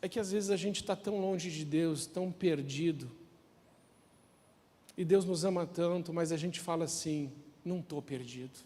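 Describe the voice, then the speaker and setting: A male pastor preaching a sermon, telling a childhood story with acted dialogue before turning slow and earnest. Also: a little high, warm tone. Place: church. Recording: long church reverb.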